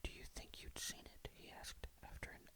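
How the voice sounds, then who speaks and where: A person reading a ghost story aloud in a breathy whisper, hushed and suspenseful, close to the mic. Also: moderate pace.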